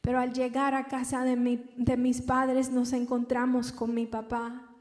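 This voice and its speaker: A young woman giving an emotional personal testimony in church, halting and repeating words as she recounts. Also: on the high side, completely flat delivery, darkish tone. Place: large church hall. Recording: reverberant church hall.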